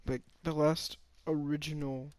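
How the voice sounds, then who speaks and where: A man's voice: a little high, level tone, a little slow, a little mellow, clear, resonant tone, dry recording. A man giving a casual, rambling opinion monologue about a game, often hesitating, restarting and sighing.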